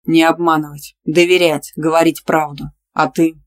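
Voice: medium pitch, little pitch movement, moderate pace, natural voice. A narrator voicing a blunt, possessive young male PE teacher in an audiobook, demanding and teasing. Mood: insistent. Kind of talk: audiobook dialogue reading.

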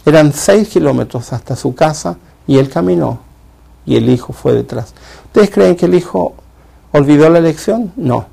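Gravelly-voiced man preaching a story. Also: on the high side, animated, normal speed, warm tone. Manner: storytelling, acts out dialogue in a father-and-son tale.

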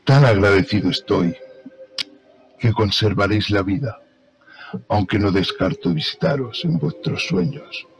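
A man's voice: fairly low pitch, creaky, exaggerated voice, poor audio. A man playing a malevolent ancient supernatural king in a horror audio drama, pompous and menacing with mock courtesy, drawing out his words theatrically. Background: music.

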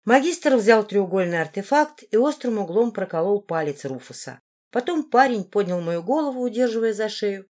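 Expressive woman reading an audiobook. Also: medium pitch, normal speed. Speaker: audiobook narrator. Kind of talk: first-person scripted narration.

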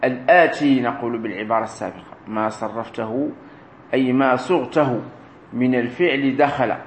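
A man teaching a grammar lesson as a sheikh, explaining slowly, repeating key words and drilling verb forms aloud. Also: medium pitch. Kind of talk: recorded classroom lesson. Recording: roomy echo with faint room noise.

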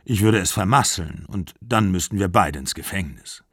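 A man voicing a calm, weary middle-aged actor who speaks in a quiet, measured, soothing way in a literary audiobook reading. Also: sits low, husky, no echo, studio quality, pitched below the performer's own voice, exaggerated voice.

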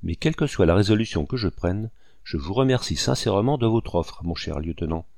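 A man's voice: low voice, lively intonation, a little fast, creaky, a little mellow, dry recording, studio quality. A man voicing an older colonial planter who is a courteous, earnest host in a read-aloud story.

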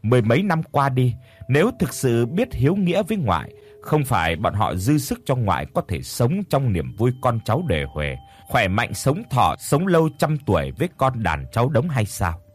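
A man's voice: medium pitch, sing-song, moderate pace, slightly rough. A man narrating a first-person audio story in a bitter, scornful tone.

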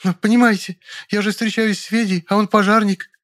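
A man voicing a frightened, simple-minded young peasant housemaid who squeaks and stammers through tears. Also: flat delivery, brisk, a bit bright. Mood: squeaky, pleading.

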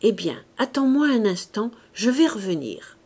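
A woman reading the lines of a gentle, protective older man who reassures a child, in a calm voice. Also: on the high side, unhurried, breathy edge, heavily acted. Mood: reassuring.

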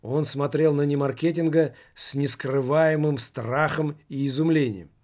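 A man reading a novel aloud as narrator, measured and even. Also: fairly high pitch. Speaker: audiobook narrator. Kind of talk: scripted narration.

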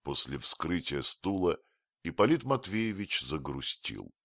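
A man narrating an audiobook with expressive, varied delivery. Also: low-pitched, measured pace, dry recording, studio quality.

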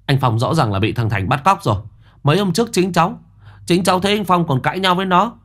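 A man's voice: high voice, animated, fast, fairly bright tone, pitched above the performer's own voice. A man voicing an eager, agitated young village man.

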